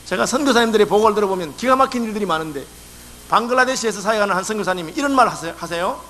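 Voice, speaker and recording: Man, pastor, sermon, high voice, faint hum behind. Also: expressive, racing, pushed and bright. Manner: acts out quoted complaints in dialect. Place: church sanctuary.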